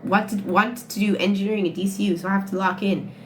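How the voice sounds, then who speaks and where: Talking fast in a mid-range voice with fairly even intonation, a late-twenties Irish woman answers viewers' chat questions on a phone livestream. She's blunt and swears freely, and background noise can be heard.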